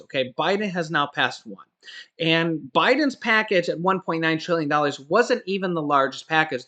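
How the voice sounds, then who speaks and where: This finance YouTuber, a man in his forties, comments casually but emphatically on finance news, repeatedly asking "okay?" to hammer points home. He often restarts and corrects himself along the way. His voice is slightly high, pushed and bright.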